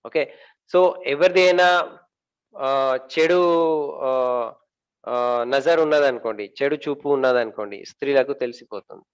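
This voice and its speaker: A man's voice: mid-range voice, clean tone. Man teaching an audience, muffled recording. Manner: asks the audience questions and answers them himself; pauses often with fillers, repeats words. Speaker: speaker giving a talk on marriage.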